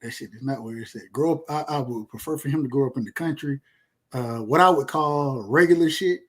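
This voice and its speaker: The 30-something podcast host from Georgia, USA talks a little fast in a mid-range voice. Easygoing and boastful, he rambles and circles back over the same points.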